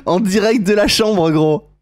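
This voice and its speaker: A young man streamer commentating a tournament live, hyped and slangy, cheering and shouting at the big moments, heard through a gaming headset. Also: sits high.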